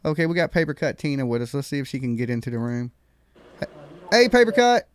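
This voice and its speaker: A man's voice: mid-range voice, rapid-fire, a little mellow, a little hiss or hum. A man hosting a live stream panel, chatting casually in a folksy, slangy way.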